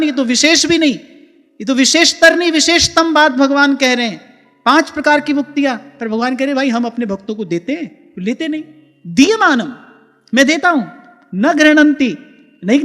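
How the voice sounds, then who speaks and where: A man giving a devotional sermon, moving between quick explanation and slow recited verse. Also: very high voice, fairly bright tone. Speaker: spiritual preacher. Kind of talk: devotional discourse with chanted verses. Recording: reverberant hall with faint music.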